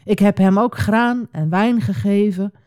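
A woman's voice: medium pitch, a little slow, a little mellow, natural voice. A woman voicing an old father who trembles with shock and regret in a storybook reading. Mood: grave. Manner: trembling, startled.

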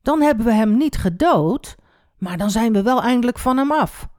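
A woman's voice: a little high, lively intonation, moderate pace, warm tone, no room sound, studio quality, pitched above the performer's own voice, close to an everyday voice. A woman voicing scheming young brothers who talk slyly and mockingly, in a children's Bible story. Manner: sly, mocking.

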